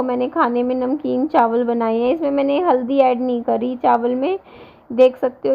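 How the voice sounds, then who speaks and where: A woman in her thirties, hoarse from a sore throat, rambling casually to her viewers in a home vlog. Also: high voice, muffled recording. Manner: rambling, restarts often, talks to viewers directly. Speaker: vlogger.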